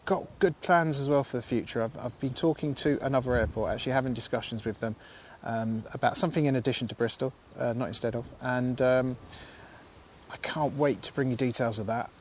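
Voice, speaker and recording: Man, casual live commentary, chatty and rambling, medium pitch, standing outdoors, faint noise behind. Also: a little fast. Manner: chatty, thankful, rambling with fillers. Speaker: livestream host. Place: outdoors in a field.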